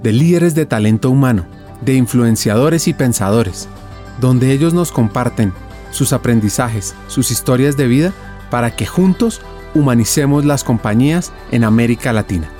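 A man's voice: medium pitch, animated, moderate pace, warm tone, soft background music. A man reading a polished scripted introduction for a podcast. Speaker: podcast announcer.

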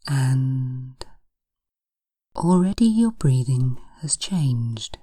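A woman leading a guided hypnosis in a soft, breathy, half-whispered spa voice, soothing, with drawn-out phrases and long pauses. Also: extremely low pitch, lively intonation. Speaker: hypnotherapist podcast host.

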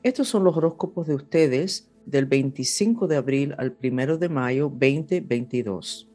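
A woman's voice: a bass voice, a little slow, warm tone. Woman, second-language Spanish, over music. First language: not Spanish (Spanish is second language). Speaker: astrologer, horoscope presenter. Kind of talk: unscripted horoscope and spiritual talk to audience.

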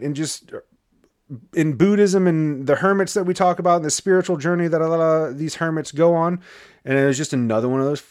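A man hosting a podcast, telling a sighting story and chatting loosely with fillers and the odd curse. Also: a little high. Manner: loose and conversational, with frequent fillers and swearing. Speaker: podcast host. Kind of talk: casual podcast monologue.

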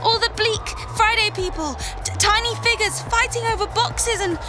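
Brief: woman as very high-voiced, playful kid hero for a children's audio adventure. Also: fairly even intonation, normal speed, over loud music. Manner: eager, jokey. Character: excitable, playful young hero who addresses the listeners. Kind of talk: kids' audio drama.

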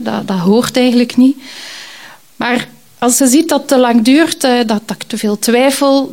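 Female storyteller, reflective and halting, mellow, slightly high. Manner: reflective, hesitant, many fillers. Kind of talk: personal storytelling.

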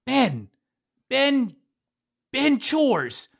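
A woman voicing an excitable, confused winged male hero who exclaims indignantly in a tabletop game. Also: high-pitched, very slow, vocal fry, pitched above the performer's own voice, exaggerated voice. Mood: bewildered.

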